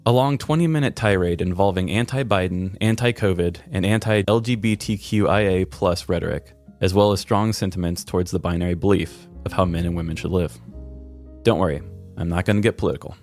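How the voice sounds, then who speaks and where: Soft music plays behind a podcast host whose low, darkish voice moves at a brisk pace. He talks candidly and earnestly about personal matters, making light of himself, and then reads a personal essay.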